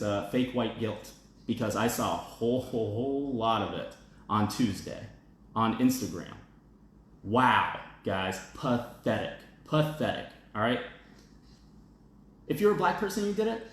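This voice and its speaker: A man's voice: mid-range voice, slight background noise. A man hosting an opinion show, giving a blunt, emphatic casual monologue and often checking in with "okay?" and "all right?", then reading out viewer comments. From United States. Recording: very echoey room.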